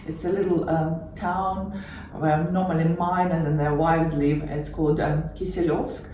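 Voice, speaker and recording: A middle-aged Siberian woman with a Russian accent tells her life story as an interview guest, warm and reflective, hesitating often and laughing frequently. Her voice is low, flat and unhurried, picked up from far off in an echoey room with a little hiss or hum.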